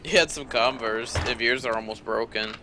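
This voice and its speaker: A man's voice: mid-range voice, normal speed, bright, forceful tone, a little hiss or hum. A man playing an online game with a friend, casually and practically talking through loot and items.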